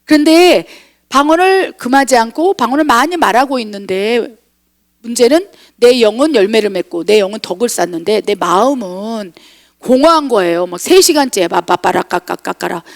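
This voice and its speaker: Woman pastor preaching hard, high voice, big swings loud to quiet. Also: expressive, moderate pace. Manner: impassioned preaching, swinging between exclaimed scripture and quiet asides; calls herself tone-deaf. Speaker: missionary pastor. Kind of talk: sermon.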